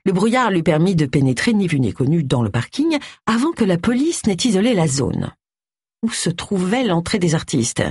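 Expressive woman narrating a novel. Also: lowish voice, moderate pace, slightly rough, dry recording, studio quality. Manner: expressive, changes voice for each figure. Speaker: audiobook narrator. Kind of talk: scripted narration.

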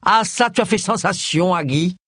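A woman's voice: fairly low pitch, moderate pace, fairly bright tone, slightly rough, dry recording, studio quality. A woman voicing a fragile, hungover aristocratic man in an audiobook.

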